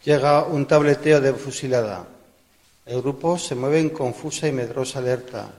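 A man's voice: medium pitch, normal speed, darkish tone, lightly acted. A man narrating literary scene descriptions for a radio drama. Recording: reverberant hall.

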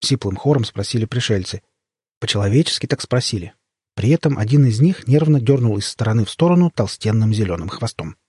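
A man narrating a humorous story in a wry, expressive reading voice, with a husky tone. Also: on the low side, a little fast, no room sound, studio quality. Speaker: audiobook narrator.

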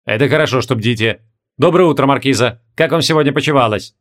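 A man voicing a calm, composed male king of about forty in an audiobook. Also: mid-range voice, close to an everyday voice. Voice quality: calm, measured.

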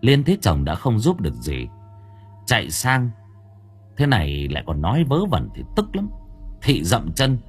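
A man narrating an audiobook in a lively, humorous storytelling manner. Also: fairly low pitch, normal speed, pauses often, husky. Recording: faint music behind.

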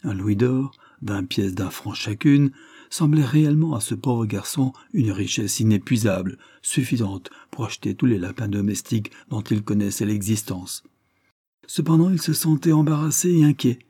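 A man narrating a classic novel as an audiobook, in a steady reading manner. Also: fairly low pitch, moderate pace, breathy edge, dry recording, clean studio sound. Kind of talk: scripted narration.

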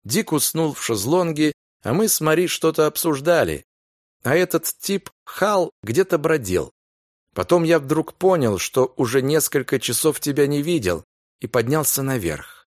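A man's voice: on the high side, very animated, normal speed, dry recording, clean studio sound. A man voicing a worried young husband who coaxes and soothes his wife. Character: anxious devoted young husband.

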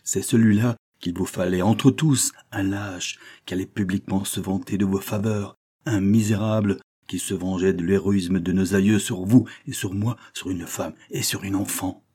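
A man voicing a furious, proud aristocratic countess, raising his deep voice into shouting, scornful tirades. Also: fairly even intonation, moderate pace, few pauses, breathy edge.

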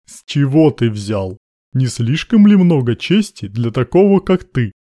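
A man's voice: mid-range voice, very animated, unhurried, warm tone, no echo. A man voicing a cool, commanding male major with dry irony in an audiobook. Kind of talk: audiobook narration.

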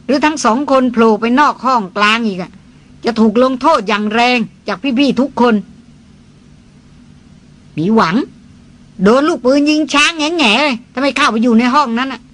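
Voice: high-pitched, moderate pace, long pauses, fairly bright tone, voice pushed up. A Thai audiobook reader voicing a firm elder brother giving an emphatic warning in a somewhat raised voice. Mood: threatening.

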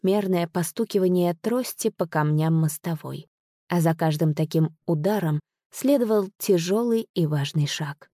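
A woman reads a story aloud at an even, unhurried pace. Her voice sits low for a woman, and the recording is dry and close with no room sound. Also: no room sound. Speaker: audiobook narrator. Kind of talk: scripted narration.

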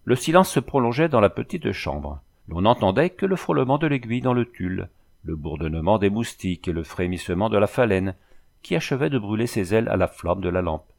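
A man reading a novel aloud as audiobook narrator, in measured literary narration. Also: fairly low pitch, big pitch swings, vocal fry, a little mellow.

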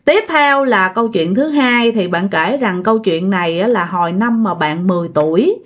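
A woman telling a ghost story in a chatty, expressive way, talking straight to her listeners. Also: mid-range voice, moderate pace. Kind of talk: casual ghost story narration.

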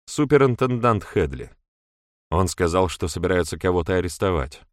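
A man's voice: deep voice, expressive, dry recording, clean studio sound. A man reading an audiobook, voicing a flustered young man who speaks in a hurry. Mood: hasty. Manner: quick, hurried delivery.

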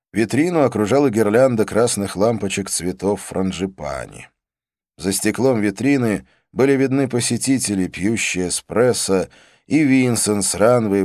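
A male narrator reads the story in a low voice with a steady, measured pace. The recording is close and dry, with no room sound around him. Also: dry recording. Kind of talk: audiobook reading.

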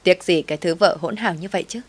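A spiteful young mistress , as a woman reader puts her on. She sneers with scorn in a low voice. It is a spoken audio story. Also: fast, breathy edge. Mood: scornful.

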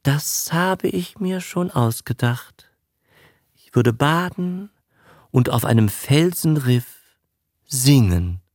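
A man's voice: mid-range voice, lively intonation, slow pace, long pauses, a little mellow, dry recording, clean studio sound, voice pushed up. A man voicing a vain, naive young female film starlet in an audiobook reading, gushing and dreamy. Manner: breathy, dreamy, gushing chatter. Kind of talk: audiobook character voice.

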